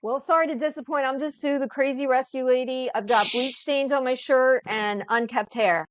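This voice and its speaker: A woman who rescues dogs, chatting casually, self-deprecating and quick to laugh. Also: sits high, fairly even intonation, clean tone. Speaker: dog rescuer. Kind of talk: casual chat.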